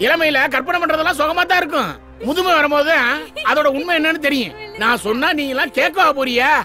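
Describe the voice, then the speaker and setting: A woman's voice: high-pitched, fast talker, bright, forceful tone, faint music behind. An actress playing an impatient woman who scolds and lectures the others. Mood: scolding.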